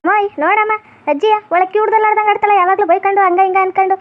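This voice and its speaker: A woman's voice: very high voice, little pitch movement, rapid-fire. A woman voicing a whiny college girl. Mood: complaining. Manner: complaining, tattling. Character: sulky teenage granddaughter in college. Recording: tinny phone-like sound.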